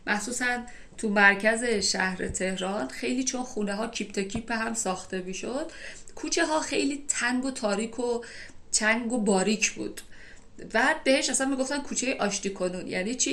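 Gravelly woman explaining classical verse. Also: medium pitch. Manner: reads verses slowly then explains in lively everyday speech. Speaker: teacher explaining classical poetry. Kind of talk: conversational poetry lesson.

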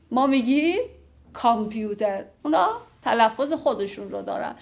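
A woman giving an informal, conversational lecture on classical poetry, with fillers and asides. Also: on the high side. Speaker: literature teacher.

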